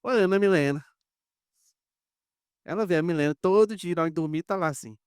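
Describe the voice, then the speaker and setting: A Brazilian pastor preaching a conversational sermon, calling the congregation "brothers" and acting out short dialogues. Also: male voice, high voice, brisk, darkish tone, clear, resonant tone, no room sound, clean studio sound. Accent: Brazilian Portuguese. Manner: conversational preaching, addresses "irmãos" often; acts out little dialogues in quoted voices.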